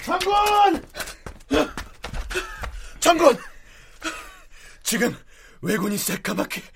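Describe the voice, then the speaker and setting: A man's voice: very high voice, big pitch swings, normal speed, creaky, full character voice. An actor playing a frantic soldier reporting to his general in a historical radio drama, in a noisy battle scene. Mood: alarmed, urgent.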